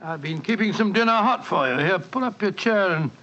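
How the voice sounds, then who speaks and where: An actor playing a genial, fussy older English doctor who reminisces in a halting, avuncular way, in 1940s radio style. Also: male voice, high-pitched, animated, pushed and bright, heavily acted. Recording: dull 1940s radio recording.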